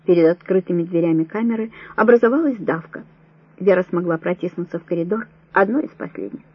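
A woman narrating an audiobook in a measured, even storytelling manner, with a husky voice. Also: fairly low pitch. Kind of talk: scripted narration. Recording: dull lo-fi dry recording.

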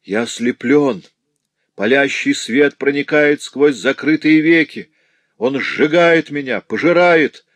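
A man's voice: medium pitch, takes it slowly, no room sound, pitched above the performer's own voice. A man reading an audiobook, voicing a delirious male notary who raves with feverish passion in frantic exclamations. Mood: anguished. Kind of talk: audiobook character voice.

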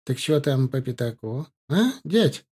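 A man's voice: medium pitch, big pitch swings, unhurried, darkish tone, breathy edge. A man voicing a boastful, chattering peasant boy who guides travellers, in an audiobook. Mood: chatty. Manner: brash, chattering, folksy speech.

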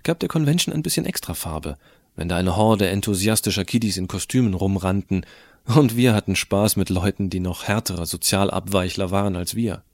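Voicing a geeky, cheeky teenage boy, a man narrates in colloquial, expressive first person for an audio drama. The delivery is low-pitched and fairly quick with no room sound, and the tone is wry and animated.

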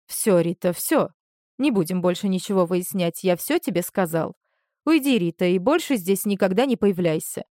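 A woman's voice: on the low side, lively intonation, normal speed, warm tone, dry recording, studio quality, natural voice. A woman voicing a cold, dismissive married man. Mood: curt dismissive. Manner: curt, dismissive.

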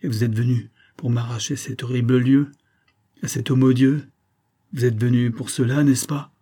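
A man's voice: medium pitch, moderate pace, warm tone, husky, natural voice. A man reading the part of a desperate young man, urgent and pleading.

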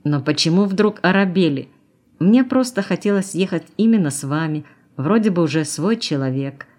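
Audiobook doctor: gentle, reserved woman, read by a woman. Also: on the low side, animated, moderate pace.

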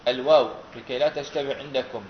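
A man's voice: mid-range voice, steady tone, fast talker, slight background noise. A man teaching a class on Quran recitation, asking his students questions and repeating their answers back patiently. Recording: roomy, dull lo-fi classroom recording.

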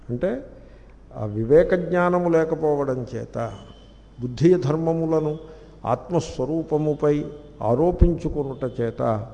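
Man teaching scripture, gravelly kinda dark voice, acts out little stories, echoey old hall tape. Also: medium pitch. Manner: acts out dialogue in quick anecdotes. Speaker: spiritual teacher. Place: hall of a spiritual society. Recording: echoey hall recording, poor quality.

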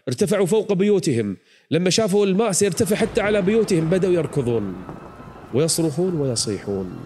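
A man telling a prophet's story as a preacher, dramatic, moving from hushed tones to loud pleading. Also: fairly high pitch, a little hiss or hum. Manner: dramatic, swings from hushed to near-shouted pleading. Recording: long hall reverb.

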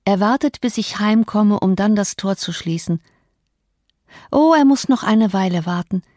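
A woman's voice: mid-range voice, normal speed, darkish tone, dry recording, clean studio sound, close to an everyday voice. A woman voicing a feverish, delirious young woman who speaks in a raised, exalted, pleading way. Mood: delirious yearning.

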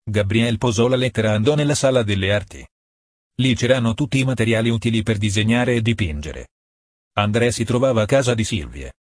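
A man narrating an audiobook in a calm, measured reading voice. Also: lowish voice, dry recording, studio quality.

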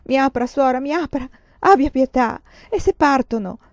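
A woman reading a storybook voices a desperate young foreign student who pleads and shouts to be let out. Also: a little high, unhurried, no room sound, dull audio. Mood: frantic.

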